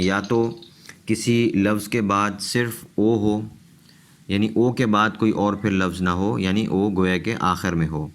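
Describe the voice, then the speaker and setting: A man with a Pakistani Urdu accent teaching English pronunciation, patiently explaining rules and slowly repeating word lists. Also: lowish voice. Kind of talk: slow explanatory lesson.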